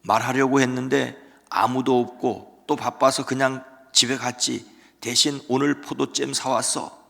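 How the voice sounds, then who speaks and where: Man voicing a sorry aunt, chatty and explaining, slightly higher voice, gravelly, long hall echo. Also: level tone, a little slow, pushed and bright, exaggerated voice. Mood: apologetic. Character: younger aunt apologizing to her sister.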